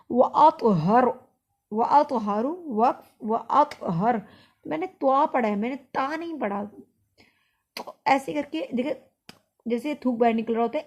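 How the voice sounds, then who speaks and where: A woman teaching tajweed. She explains each word patiently, repeats corrections, and recites in slow, drawn-out phrases. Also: high voice, a little mellow.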